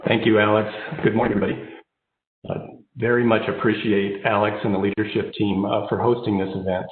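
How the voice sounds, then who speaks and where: Speaking remotely with a slight head cold, this engineering executive delivers an informal, personal keynote. He's an American man in his fifties, born in Japan and raised abroad before moving to the US. His fairly low voice is flat and fairly quick, carried over narrow-band, phone-like audio with roomy echo and slight hiss or hum.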